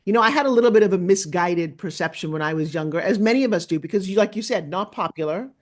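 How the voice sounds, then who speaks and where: A woman's voice: medium pitch, lively intonation, quick pace. A middle-aged woman hosting a stage interview, upbeat as she introduces her guest and asks questions. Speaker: host.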